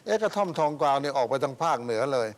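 A man giving a measured, polite critique of a band as a TV contest judge. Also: medium pitch, expressive. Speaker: talent show judge. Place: TV studio with audience.

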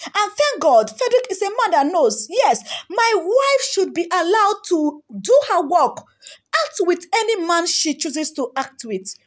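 A young woman with a Nigerian accent, narrating entertainment gossip over screenshots of comments. Her voice sits high and swings widely up and down, with bursts of laughter and Pidgin asides. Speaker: celebrity gossip presenter. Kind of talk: voice-over reading social media comments.

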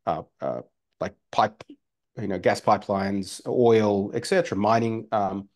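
Speaking at a measured pace in a fairly low, slightly mellow voice, a man in his forties joins a casual interview as a guest entrepreneur. He was born in the former Soviet Union, grew up in Australia and has its accent, and his talk over the webcam from a fireside home room is full of fillers and restarts.

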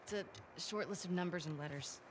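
A woman's voice: on the low side, brisk, background noise, lightly acted. An actress with an American accent playing a determined young woman survivor in a video game, speaking in an earnest, clipped way. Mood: focused. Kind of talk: video game drama acting.

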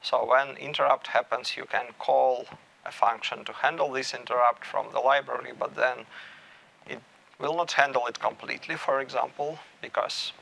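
A man in his thirties giving a technical talk at a meetup, measured and thinking aloud with small restarts. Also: mid-range voice, steady tone, creaky, a bit bright, rough recording. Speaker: meetup speaker. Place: small room with stage curtains.

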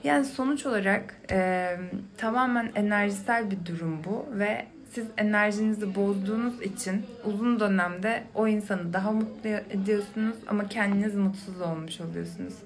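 A young adult woman talking to camera in an explanatory way, calm and reflective, addressing the listener directly. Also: mid-range voice, normal speed, few pauses. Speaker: video creator.

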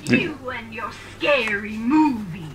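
Cackling, teasing female pumpkin toy, high and slow, theatrical. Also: background noise.

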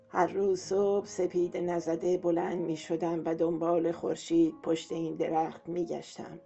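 A woman narrating a novel in a calm, measured storytelling way, in a dull lo-fi audiobook with faint music. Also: low-pitched, vocal fry. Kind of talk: novel reading.

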